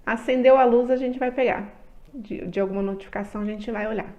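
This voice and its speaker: A woman with a Brazilian accent giving calm advice to parents, often checking in with "tá?". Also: medium pitch, quick pace, vocal fry, muffled recording. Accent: Brazilian Portuguese. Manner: gentle advice with frequent "tá?" check-ins. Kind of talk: talking to parents.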